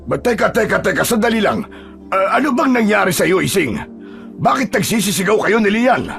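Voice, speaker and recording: Casting: man playing a gruff village chief in a radio horror story, gravelly, swooping speech, faint music behind. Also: sits high, big pitch swings, normal speed, a bit bright, pitched above the performer's own voice, exaggerated voice. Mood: skeptical. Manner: brusque, questioning, cautioning. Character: gruff middle-aged village chief, skeptical but cautious.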